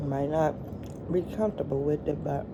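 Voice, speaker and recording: Woman, middle-aged, low pitch, casual vlog chat, talking while eating, clear background noise. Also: normal speed. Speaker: vlogger.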